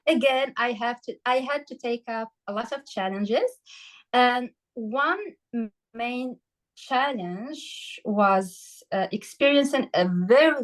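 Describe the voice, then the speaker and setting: A woman from Morocco, a health coach and podcast guest, talking through her story with many pauses, fillers and restarts, and some emotion. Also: on the high side, low-quality recording. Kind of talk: casual interview conversation.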